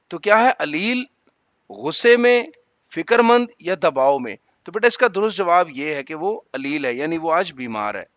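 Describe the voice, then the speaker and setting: A man's voice: sits high, fairly bright tone, dry recording, lo-fi sound. A male teacher patiently explaining exam answers to students, spelling out vowel marks letter by letter.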